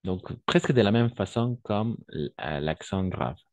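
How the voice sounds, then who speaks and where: A man's voice: sits low, animated, unhurried, darkish tone, dry recording. A man teaching a French lesson online, patiently repeating examples and often checking that his students follow.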